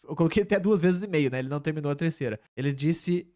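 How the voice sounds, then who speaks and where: A man's voice: on the high side, fast, warm tone, dry recording, clean studio sound. A man teaching English, patiently explaining phrases from a clip and checking in with tag questions. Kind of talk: explaining a show clip line by line.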